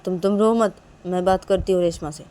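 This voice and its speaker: A woman's voice: lowish voice, steady tone, brisk, mellow, close to an everyday voice. A woman voicing a worried mother who fusses and keeps repeating her questions. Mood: concerned.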